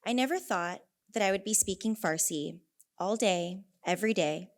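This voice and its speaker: This is an earnest, story-filled prepared speech given at a conference by a young elementary teacher from Northern California. She has a California accent, a medium-pitched voice and a moderate pace, and she slips in wry asides.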